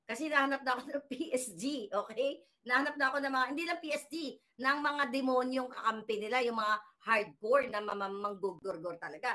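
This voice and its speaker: A woman's voice: on the high side, brisk. A woman vlogger from the Philippines casually recounting a dream in a chatty, rambling way, with many restarts and fillers. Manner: animated retelling of a dream. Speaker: political commentary vlogger. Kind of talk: casual storytelling monologue.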